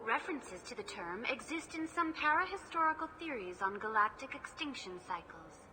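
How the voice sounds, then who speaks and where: A woman's voice: fairly high pitch, big pitch swings, normal speed, sharp tone, slight background noise. A woman voicing a polite female AI information hologram who speaks in formal, scripted phrases. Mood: courteous.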